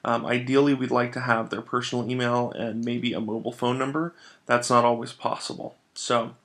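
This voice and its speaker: A trainer with an average-pitched voice marked by noticeable creak and vocal fry guides viewers through software. In a brisk, flat, screencast-tutorial manner, he moves step by step and explains why each action is taken.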